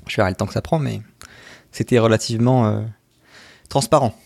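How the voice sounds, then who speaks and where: A man's voice: on the low side, steady tone, brisk, vocal fry, a little mellow, no room sound. A man hosting a casual tech podcast, chatty and hesitant, with many fillers. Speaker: podcast host. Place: lives in Sweden.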